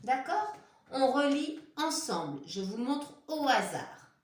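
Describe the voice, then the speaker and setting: A woman's voice: high-pitched, sing-song, slow pace, echoey room. A woman teacher leading a phonics lesson for young children, spelling out letters one by one and praising the pupils. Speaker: primary school teacher.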